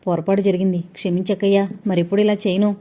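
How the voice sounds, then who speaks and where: A woman's voice: mid-range voice, flat delivery, quick pace, mellow, natural voice. A woman voicing a timid young woman with a fiery temper. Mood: pleading.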